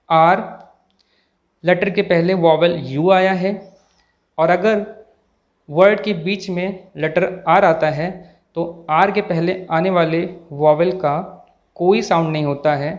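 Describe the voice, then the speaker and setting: A man teaching English pronunciation in Hindi, explaining rules patiently and repeating example words slowly for contrast. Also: high voice. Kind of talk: slow, deliberate explanatory lesson.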